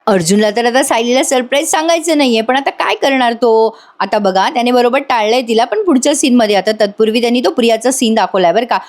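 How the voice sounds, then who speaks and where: A woman's voice: on the high side, lively intonation, fast talker, hardly any pauses. A woman doing a voice-over recap of a TV serial episode, chatting directly with her viewers. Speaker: TV serial reviewer.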